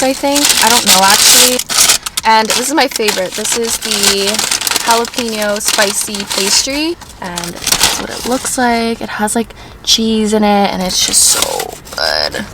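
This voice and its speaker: A woman's voice: a little high, heavy background noise. A young woman chatting casually through a Q&A vlog she films herself, sometimes talking while chewing a snack. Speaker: vlogger. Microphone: self-filmed on camera.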